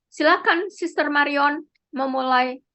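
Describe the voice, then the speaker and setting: A woman leading an online prayer meeting on a video call, calling on each person gently by name. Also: high voice, measured pace, noisy background.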